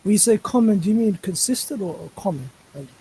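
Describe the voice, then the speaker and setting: A man's voice: sits high, lively intonation, quick pace, warm tone, slightly rough, poor audio. A man speaking as a guest on a casual online panel, stumbling over his starts and repeating words before making his point firmly. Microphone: voice call over a live stream.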